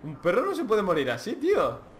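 A man with a Spain Spanish accent giving excitable gameplay commentary, swearing often and talking to himself. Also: high voice, fairly quick, slight background noise. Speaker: let's play host.

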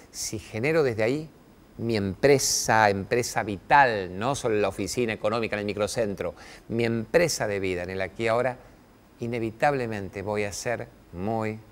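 A middle-aged man with an Argentine accent hosting a TV talk show, giving a motivational spiritual talk to camera with emphatic, preachy delivery and long pauses on key words. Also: lowish voice. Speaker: TV show host. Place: TV studio with camera crew.

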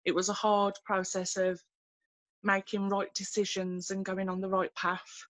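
A woman, sharing her faith story on a video call from home, earnest and halting with many fillers and restarts. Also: mid-range voice, completely flat delivery, dry recording. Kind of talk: personal testimony in a video call. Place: small room at home, indoors. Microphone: laptop webcam on a video call.

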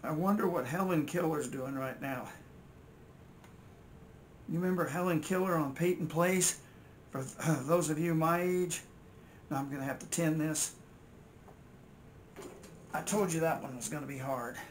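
With a fairly high pitch and a measured pace, this older American man pauses often while he thinks aloud in a folksy manner. He hosts electronics repair videos and narrates in casual mutters at his indoor workbench. Steady noise runs through the home-made recording.

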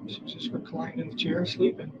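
A man in his thirties answering questions in a police interview, giving short, hesitant replies from a small interview room. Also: quick pace. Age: 30s. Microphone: room camera from across the room. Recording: distant, dull room audio with loud hiss.

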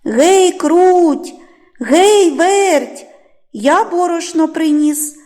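A woman's voice: sits high, sing-song, unhurried, long reverb tail. A woman doing a cheerful hardworking rooster. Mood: calling. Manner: bright, calling out loudly.

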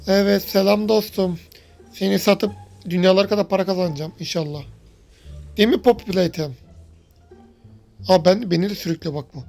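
A man giving lively let's-play commentary, chatting to his viewers and yelling when something startles him. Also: high-pitched, creaky. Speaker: gaming YouTuber.

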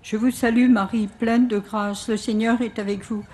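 A woman leading a recited rosary outdoors, evenly paced, her lines trailing softly at the end. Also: a little high, normal speed, a little hiss or hum. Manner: even recitation, trailing softly at line ends. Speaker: prayer leader at an outdoor rosary.

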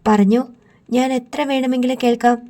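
A woman's voice: high-pitched, fairly even intonation, moderate pace, dark tone, close to an everyday voice. A woman reading an audiobook, voicing a stubborn young woman who questions and holds firm.

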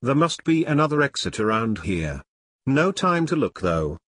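A man's voice: medium pitch, very animated, moderate pace, a bit bright, breathy edge. A man voicing a strong raid leader who barks urgent orders.

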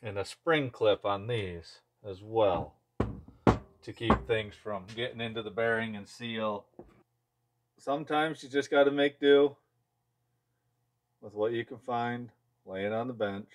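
A fairly low-voiced man speaks slowly, with frequent pauses, as a chainsaw mechanic and video host running an informal hands-on demo at an indoor workshop bench. His phrases are short and offhand. The clear recording includes background noise and the clicks of tools.

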